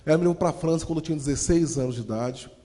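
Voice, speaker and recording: A Brazilian man with a Brazilian Portuguese accent tells his story to a crowd, lively and direct with the audience. His voice is mellow yet sits a little high. A long hall reverb trails every phrase. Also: racing. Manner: lively, acts out voices, addresses audience as "gente". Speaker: motivational speaker and storyteller. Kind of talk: dramatic motivational storytelling.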